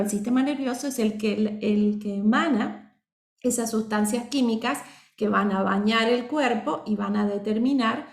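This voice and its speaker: A woman's voice: fairly high pitch, vocal fry, darkish tone. A woman teaching a voice course, explaining patiently and often checking that her listeners are following. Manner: keeps checking in with the audience; explanatory, acts out example voices. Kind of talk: course lecture. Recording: roomy reverberant sound.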